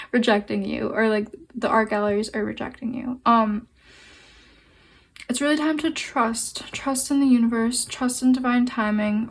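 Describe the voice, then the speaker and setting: A woman giving a pick-a-card tarot reading, gentle and reassuring, with frequent fillers and restarts. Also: on the high side.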